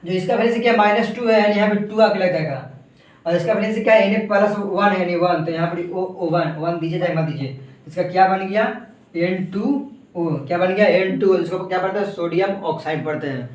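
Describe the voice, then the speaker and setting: A man with a fairly high voice delivers a chemistry lesson, walking through examples one step at a time. He keeps firing rhetorical questions at his students and answering them himself. The mic sits away from him in a roomy, echoing space. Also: a little fast. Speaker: chemistry teacher. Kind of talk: classroom lecture. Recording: echoey room, voice from a distance.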